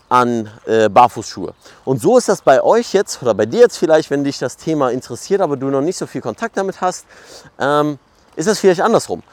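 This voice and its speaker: A man's voice: fairly high pitch, darkish tone, no room sound. A man hosting a podcast, talking in a loose, rambling monologue with many fillers. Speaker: podcast host. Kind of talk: casual monologue.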